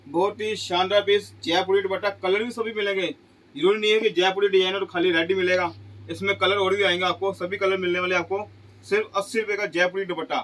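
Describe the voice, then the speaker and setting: A middle-aged man pitching goods in a small clothing shop, asking each price aloud and answering it with exclamations. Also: fairly even intonation, brisk, a bit bright, rough recording. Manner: repeats prices as questions, exclaims "wah ji wah". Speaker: shop seller. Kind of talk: sales pitch.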